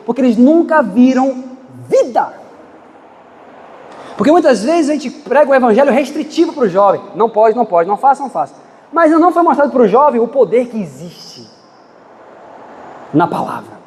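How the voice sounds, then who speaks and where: High-pitched impassioned male preacher. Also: big pitch swings, normal speed, long pauses, darkish tone, in a large hall. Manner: impassioned, dramatic swings in pitch and pace. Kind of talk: sermon. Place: church.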